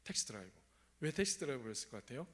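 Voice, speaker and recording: Korean church pastor preaching conversationally. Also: male voice, mid-range voice, big pitch swings, racing, a bit bright. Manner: asks the congregation questions, conversational. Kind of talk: sermon with personal testimony. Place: church sanctuary.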